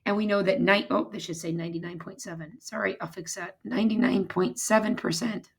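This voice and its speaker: Hoarse, husky woman teaching. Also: mid-range voice, steady tone, fairly quick. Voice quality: husky, raspy, strained voice. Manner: informal, step-by-step explaining. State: hoarse, losing her voice, throat-clearing. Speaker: math teacher. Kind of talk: recorded lecture, informal explaining.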